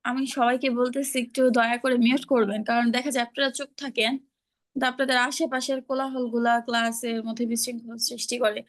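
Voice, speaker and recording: Woman teacher on a video call, a bit high voice, patient, keeps showing how each sound goes. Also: level tone, quick pace. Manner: patient, explains and models sounds. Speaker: online Quran pronunciation teacher. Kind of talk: online class instruction.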